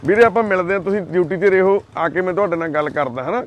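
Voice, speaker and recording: A man with a Punjabi accent, recording a vlog outdoors by a railway crossing at night and talking in a gentle, coaxing and reassuring way. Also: sits high, fast talker, dull audio, a little hiss or hum. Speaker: vlogger helping a lost child. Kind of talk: on-the-spot field vlog.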